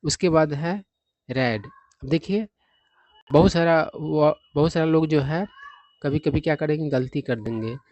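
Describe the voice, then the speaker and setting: A man's voice: a little high, unhurried, long pauses, darkish tone, no room sound, muffled recording. Patient male English tutor, dry sound. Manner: explains each word patiently, often ending with "है ना?". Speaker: English vocabulary teacher. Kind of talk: newspaper vocabulary lesson.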